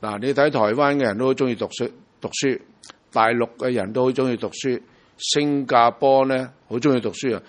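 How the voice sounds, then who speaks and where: A man's voice: mid-range voice, fairly even intonation, a little fast. Emphatic Hong Kong Cantonese preacher, man. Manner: emphatic, keeps asking rhetorical questions. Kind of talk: sermon.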